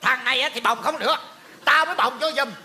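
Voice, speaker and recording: Một nam diễn viên đóng vai ông dượng trung niên nóng tính, hay chửi mắng, trong một vở hài kịch trên sân khấu. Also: male voice, quick pace, bright, forceful tone, heavily acted. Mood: furious. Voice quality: shrill, scolding. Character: hot-tempered middle-aged male uncle, loud-mouthed. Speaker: comic actor. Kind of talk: stage comedy skit. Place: theatre stage with live audience.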